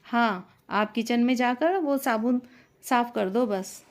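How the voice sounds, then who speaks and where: A woman's voice: on the high side, takes it slowly. A woman voicing a spoiled young sister-in-law who talks back dismissively. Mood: sassy. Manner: dismissive, sassy.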